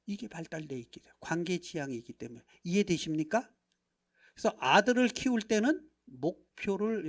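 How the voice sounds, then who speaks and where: A middle-aged man leads a lively seminar from a church pulpit. He keeps checking in with the congregation and acts out everyday dialogues. His volume swings from hushed asides to loud, emphatic bursts. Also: high voice. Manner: animated, acts out dialogues, constant rhetorical check-ins. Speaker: pastor. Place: church sanctuary.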